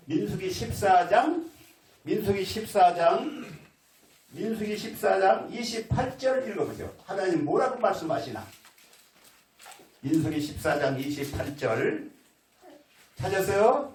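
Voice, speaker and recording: A man preaching a storytelling sermon, in a folksy way, acting out the voices of people in his story. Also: sits high. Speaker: pastor. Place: church sanctuary. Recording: echoey church hall, mic at a distance.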